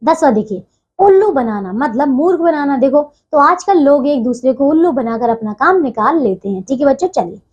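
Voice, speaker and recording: High-voiced woman teaching a class. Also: animated, fairly quick, a little mellow, highs cut off. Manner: explains patiently, repeats phrases, says "ठीक है" often. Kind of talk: textbook lesson for children.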